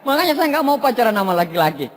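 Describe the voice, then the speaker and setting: A man's voice: extremely high pitch, very animated, very fast, slight background noise. A man giving a humorous motivational talk, telling stories and addressing listeners as "Pak" again and again. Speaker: motivational speaker. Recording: long hall reverb.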